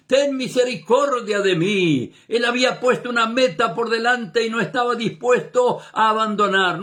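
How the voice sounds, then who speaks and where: Slow, emphatic preaching man. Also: sits high, a bit bright. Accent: Argentine Spanish. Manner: slow, emphatic preaching with dramatic rises and drops. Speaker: pastor. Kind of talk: sermon.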